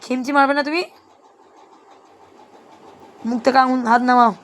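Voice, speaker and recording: High-voiced Bengali mother scolding her baby. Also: fairly even intonation, moderate pace, a bit bright, slight background noise. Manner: scolding then cooing baby talk. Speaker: mother vlogger. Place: home at night.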